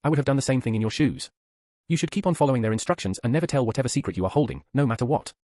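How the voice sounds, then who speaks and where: A man reading the lines of a calm, guarded young man in a calm, reassuring manner. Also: mid-range voice, rapid-fire, no echo, studio quality, close to an everyday voice.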